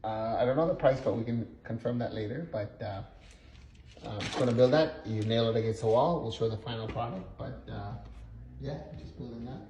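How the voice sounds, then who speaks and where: A man's voice: mid-range voice, moderate pace, mellow, echoey room, a little hiss or hum, rough recording. A man co-hosting a casual home vlog, hesitant and full of fillers. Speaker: vlog co-host. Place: home indoors.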